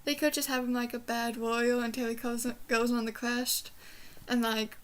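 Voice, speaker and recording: A young woman book reviewer rambles casually in a review vlog from a small bedroom. Her voice is on the high side with a flat delivery at a moderate pace, and she struggles with R sounds, saying them like W's.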